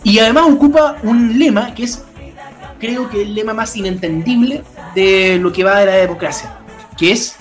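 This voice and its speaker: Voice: mid-range voice, moderate pace, faint music behind. Una persona con acento chileno comenta de política con ironía en un pódcast. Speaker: political podcast co-host. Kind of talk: casual political chat.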